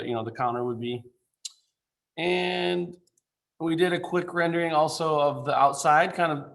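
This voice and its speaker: A man's voice: medium pitch, fairly bright tone. A man, an architect, presents a building design to a council remotely over a video call, speaking informally with many fillers and restarts.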